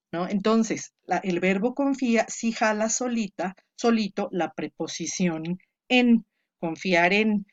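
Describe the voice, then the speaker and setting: A woman's voice: mid-range voice, muffled recording. A woman giving an online grammar lesson, explaining patiently and calling on students by name. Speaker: teacher. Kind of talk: online lecture on Greek grammar.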